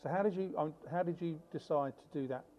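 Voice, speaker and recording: A fast-talking man interviews a filmmaker at a film festival. He is chatty and jokey, and he often trails off to rephrase his questions. Faint ambience hums behind him. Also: on the high side, highs cut off, slight background noise.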